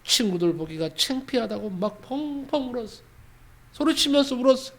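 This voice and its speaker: A man's voice: very high voice, animated, moderate pace. A male pastor preaching a sermon, who tells a story and leads the congregation in repeating phrases after him.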